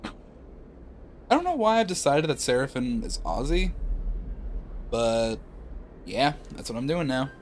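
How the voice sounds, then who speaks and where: A young man streaming a narrative game, reading its text aloud in a hushed, dramatic way and chatting with viewers. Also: medium pitch, very animated, a little slow, long pauses, a little hiss or hum.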